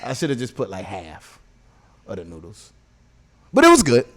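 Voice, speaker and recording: A podcast host with a medium-pitched, fairly bright voice moves at a moderate pace, his pitch swinging hugely as he tells stories. His talk is casual, slangy and profane, and he keeps checking in with "you know what I'm saying" to make sure listeners follow.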